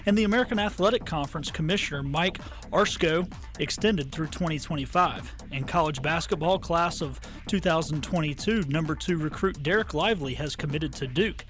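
A man's voice: on the high side, fairly bright tone. Man reading a sports news bulletin. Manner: brisk scripted reading. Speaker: sports update anchor.

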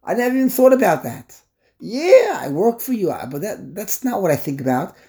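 An earnest old patriarch with a fairly high, mellow voice, as a lecturing man puts him on. He pleads in halting, repeated bursts. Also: sing-song. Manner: emphatic, halting repetitions.

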